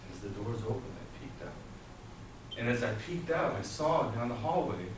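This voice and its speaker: This is a middle-aged man, mid-range and animated, performing a tall-tale speech as a contestant at a public speaking club; his delivery is theatrical, deliberate and dramatic, with pauses and repetition. The audience sits with him in a small indoor meeting room that has a whiteboard. Picked up far away by a camera mic, the audio carries roomy echo and noticeable noise.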